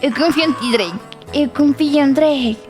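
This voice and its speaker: A young woman giving casual gameplay commentary, laughing often, shouting at the game and reading pickup lines aloud. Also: sits high, normal speed, over music. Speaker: streamer.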